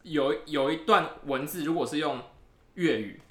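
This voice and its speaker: A man with a Taiwanese Mandarin accent co-hosts a casual podcast, playfully telling stories and quizzing his partner with joke questions. His voice is a little high and his pace moderate. They're recording in a new spot with a roomy echo.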